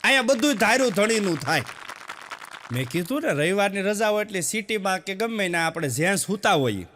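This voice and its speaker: A man with a high, bright, forceful voice tells Gujarati stand-up jokes a little fast, his pitch swinging widely as he slips into the voices of villagers and family members from his stories. The comedian, from Gujarat, India, performs at a stage show before a live audience, and the recording carries a long hall reverb.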